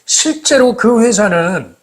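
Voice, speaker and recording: A man's voice: sits high, animated, slow. A man speaking as a guest in a casual conversation, answering with short reactions and easy comparisons, recorded indoors in an old house.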